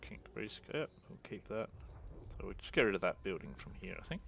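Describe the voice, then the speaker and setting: A male game streamer talks through his turns in a relaxed, muttering way, thinking out loud as he goes. His voice is low and gravelly with a lot of fry, and it drops into quiet asides under his breath. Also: quick pace, a little hiss or hum. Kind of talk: casual strategy game commentary.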